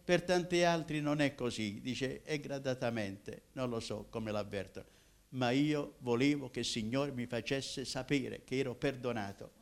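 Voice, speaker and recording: An older man from Apulia, a minister giving his personal testimony in an emotional way, swinging from loud cries to hushed tones. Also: mid-range voice, unhurried, gravelly. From Apulia, southern Italy.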